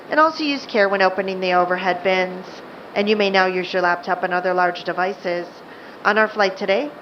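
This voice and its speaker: A female flight attendant making an in-flight cabin announcement over the plane's public-address loudspeaker, in a loose, chatty delivery with added fillers. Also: mid-range voice. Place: airplane cabin. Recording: muffled lo-fi cabin recording, faint hum.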